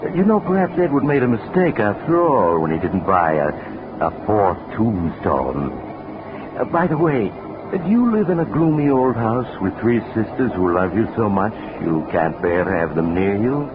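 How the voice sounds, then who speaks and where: An actor playing a sinister yet genial train traveler who hosts a 1940s radio mystery, speaking in a sly, chummy, insinuating way. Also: male voice, fairly low pitch, very animated, normal speed. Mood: sly, genial menace. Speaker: host narrator. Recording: lo-fi 1940s radio recording, background noise.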